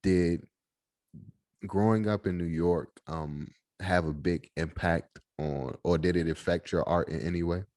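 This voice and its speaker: A man from Washington, D.C. hosting a podcast, speaking in an unhurried, supportive way with many pauses. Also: low voice, fairly even intonation, darkish tone, no room sound, studio quality. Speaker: podcast host. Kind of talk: casual interview chat.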